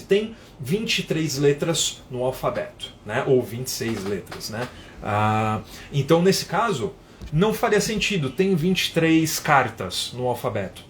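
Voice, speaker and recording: A man's voice: medium pitch, a little hiss or hum. A man teaching English on a live stream, explaining patiently and reading out viewer comments as he goes. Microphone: phone.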